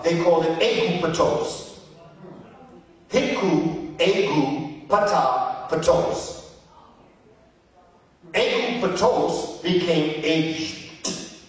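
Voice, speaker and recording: A man giving a passionate, preacherly history lecture, emphatic and repeating words for effect, recorded from a distance in a large hall. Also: fairly high pitch. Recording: echoey hall, recorded from afar.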